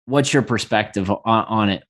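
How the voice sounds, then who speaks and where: A man's voice: lowish voice, normal speed, a bit bright. A man co-hosting a podcast, speaking casually and thoughtfully, working through ideas as he talks. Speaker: podcast co-host. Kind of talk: casual conversational podcast talk.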